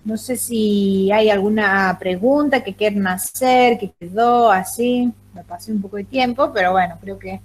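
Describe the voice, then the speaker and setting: A woman's voice: mid-range voice, a little slow, few pauses. A woman whose first language is Greek, giving an online lecture on the language to a general audience, hesitant and full of fillers, on a video call. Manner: hesitant, many fillers and restarts.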